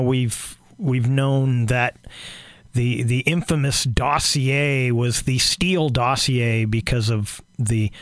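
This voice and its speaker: A man hosting a solo political commentary show, hoarse and clearing his throat, talking in a halting way full of fillers and restarts. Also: mid-range voice, no echo.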